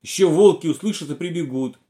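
A man's voice: a little high, brisk, dark tone, voice pushed up, natural voice. A man voicing a picky, stubborn young boy in a storybook reading, whiny and argumentative. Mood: worried. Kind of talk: storybook character voice.

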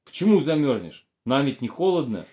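A man's voice: mid-range voice, sing-song, a little fast, dark tone, lightly acted. A man voicing a picky, stubborn young boy in a storybook reading, whiny and argumentative. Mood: worried. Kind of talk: storybook character voice.

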